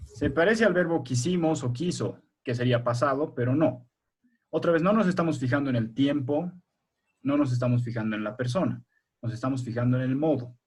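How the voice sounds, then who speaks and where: A man's voice: medium pitch, fairly quick, a little mellow, husky. A male primary school teacher leading a remote class over a video call, explaining patiently step by step and quizzing his pupils.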